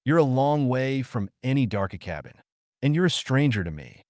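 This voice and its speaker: A man's voice: mid-range voice, very animated, moderate pace, a little mellow, dry recording, voice pushed up, close to an everyday voice. Man as a wary demanding young man, blunt questions, dry close sound.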